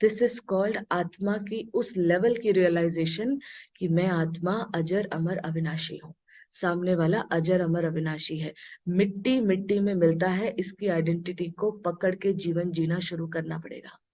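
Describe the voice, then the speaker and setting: Slow-speaking woman giving a spiritual talk. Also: on the low side, fairly even intonation, dark tone. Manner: mixes Hindi and English, asks the audience questions; slow, emphatic teaching with repeated phrases. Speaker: spiritual teacher. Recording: dull lo-fi recording.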